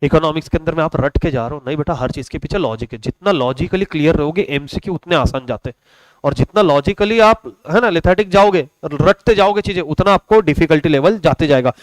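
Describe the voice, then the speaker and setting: A man's voice: fairly high pitch, a little fast, no echo, poor audio. A young man teaching an online commerce class in a chatty, joking way, calling his students "beta". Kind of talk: casual online class lecture.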